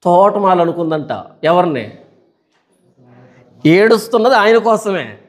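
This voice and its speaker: A man's voice: high voice, takes it slowly. A male pastor giving a Bible study sermon, telling stories and asking rhetorical questions. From India. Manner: animated storytelling with rhetorical questions.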